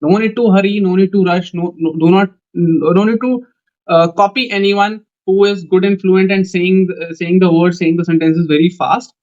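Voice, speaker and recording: A young man with an Indian English accent giving a coaching lecture, speaking in a calm, measured way and often repeating "okay" between points. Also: high voice. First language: Hindi. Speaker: teacher for defence exam interviews. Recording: dull lo-fi sound.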